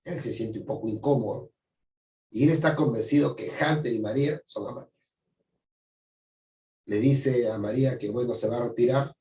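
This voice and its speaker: A man's voice: medium pitch, normal speed, pauses often, dark tone. A man casually retelling a novel's plot in a conversational way, often adding tag questions and briefly acting out the characters' lines. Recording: echoey room, distant mic.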